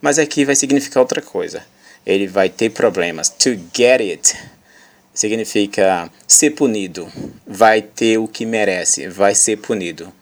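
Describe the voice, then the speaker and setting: A man hosting a podcast lesson, patiently explaining an English dialogue with many pauses and fillers, reading the English lines slowly and carefully. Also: fairly low pitch. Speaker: English teacher.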